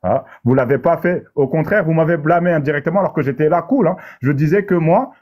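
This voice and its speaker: A man's voice: a little high, quick pace, a little mellow. A man arguing in an online discussion panel, preachy and sarcastic, often stumbling and restarting his phrases. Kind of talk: heated argumentative monologue. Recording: dull lo-fi audio.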